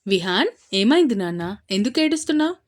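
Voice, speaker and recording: A jovial uncle in an audio story, chuckling and coaxing a crying child kindly, as a woman puts him on. His voice stays easy and warm-hearted. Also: mid-range voice, sing-song, brisk. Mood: soothing. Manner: laughing, gentle with children. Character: jovial uncle, adult man.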